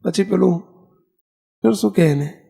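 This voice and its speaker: A man with a Gujarati accent giving a sermon as a monk, telling a story in an animated way and acting out the characters' lines. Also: high voice, takes it slowly, vocal fry, slightly rough.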